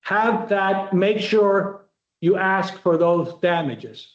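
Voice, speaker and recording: A man lecturing students on moot court advocacy, emphatic and repetitive, slowing right down to stress key points. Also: sits high, echoey room, dull audio. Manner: emphatic, repetitive, direct coaching; varies pace, slowing sharply for emphasis.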